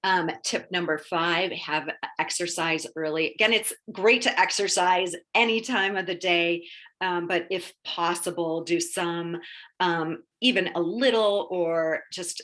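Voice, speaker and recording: Female wellness presenter, low-pitched, talking informally through a list of tips in an encouraging, explanatory manner. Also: measured pace, a bit bright.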